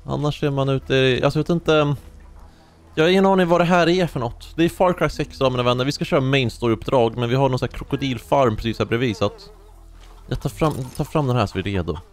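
Young male let's-play host, chatty, slangy, excitable storyteller, medium voice. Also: mid-range voice, faint music behind. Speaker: gaming YouTuber. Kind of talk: casual let's-play commentary.

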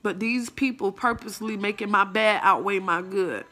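Bright-voiced profane woman ranting. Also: mid-range voice, normal speed, soft background music. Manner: blunt, profane, defiant. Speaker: mother ranting to camera. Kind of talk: angry monologue vlog.

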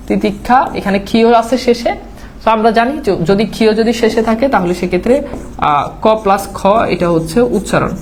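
A woman tutor at a middle pitch explains admission exam rules slide by slide, patiently and step by step. She drops English words into her talk and keeps asking her students whether they follow. A faint noise sits under the recording. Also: a little mellow. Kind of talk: online lecture over slides.

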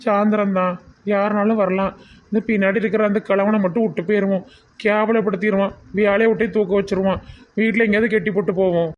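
A woman's voice: mid-range voice, steady tone, quick pace, phone-quality sound, natural voice. A woman playing a blunt, meddling middle-aged aunt in a comedy skit, with a Tirunelveli Tamil accent and a blunt, advising manner. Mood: chatty. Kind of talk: amateur comedy skit acting.

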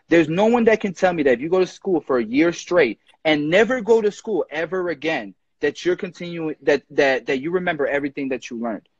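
A man's voice: fairly high pitch, husky, no echo. A young man who is a barber educator, talking passionately and emphatically on a live stream from a room at home, recorded on a phone camera at arm's length with dull lo-fi audio. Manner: passionate, emphatic, quick restarts. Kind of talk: casual live chat. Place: indoor room with ceiling fan. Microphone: phone front camera at arm's length.

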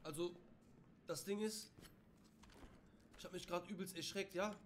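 A young man with reacts to a horror game from his room at home, his voice sitting high. He gets jumpy and curses under pressure, and a clear hum of background noise runs under the stream. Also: steady tone, a little slow. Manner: jumpy, swears, shouts when startled. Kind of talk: casual let's play commentary.

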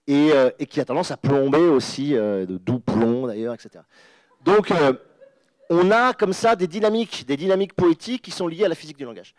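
A man's voice: fairly high pitch, expressive, fairly quick, darkish tone, no room sound. A man, a guest author on a panel, giving an emphatic spoken explanation with many restarts. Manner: emphatic, restarts and repeats words, acts out sounds. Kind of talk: animated lecture-style explanation.

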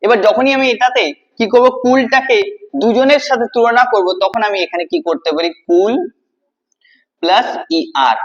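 A man's voice: very high-pitched, moderate pace, highs cut off. A man teaching an English grammar lesson to students, asking questions and then answering them himself, repeating key words. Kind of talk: classroom-style video lesson.

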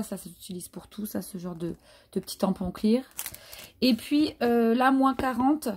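A woman's voice: medium pitch, dark tone. A woman chatting casually through a craft haul, hesitant and full of fillers. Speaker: craft vlogger. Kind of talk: casual haul show-and-tell.

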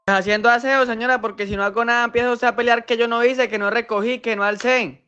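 A man's voice: very high voice, steady tone, quick pace, bright, forceful tone, lo-fi sound, slight background noise. A man playing a cheeky coastal teenage son. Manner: cheeky, literal-minded, talking back. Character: cheeky eighteen-year-old son, playing dumb. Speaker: sketch actor. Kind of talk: comedy sketch acting.

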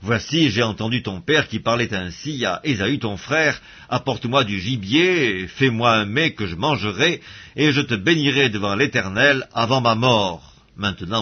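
A man's voice: medium pitch, expressive, moderate pace, breathy edge. A man reading the part of a scheming mother who urges her younger son, in an urgent, persuasive tone. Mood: urging. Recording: dull lo-fi audio.

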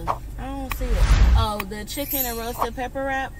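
Upbeat lady vlogging in her car, calls everyone honey, kinda high voice, road noise. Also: steady tone, moderate pace. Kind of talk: casual chatty vlog talk. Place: inside a car.

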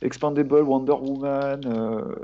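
A man taking part in a casual film podcast, speaking in a halting way. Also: mid-range voice, steady tone, muffled recording. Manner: halting, piles up fillers. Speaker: podcast guest.

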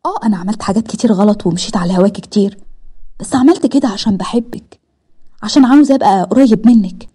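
A woman's voice: medium pitch, fast talker, dark tone, breathy edge, lightly acted. A woman with an Egyptian accent voicing a lovesick, honest young man who pleads and protests indignantly. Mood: pleading. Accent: Egyptian Arabic.

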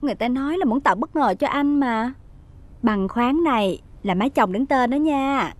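A giggly young wife. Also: female voice, sits high, lively intonation, moderate pace, no room sound. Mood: coaxing. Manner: giggling, coaxing.

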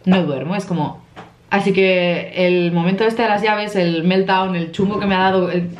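A woman's voice: fairly low pitch, moderate pace, a little mellow, echoey room, slight background noise. A young woman from in her twenties, worn out from lack of sleep, rambling through a casual vlog with lots of fillers and emotional asides. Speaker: vlogger.

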